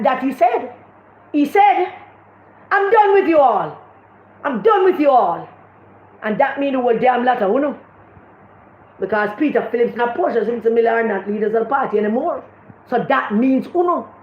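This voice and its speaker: A Jamaican woman with a high voice giving livestream commentary, talking with passion and circling back over her words as she hunts for them. She sounds like she is in an echoey room, and the recording comes across slightly dull and muffled. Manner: impassioned, repeats words when searching. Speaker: political commentator.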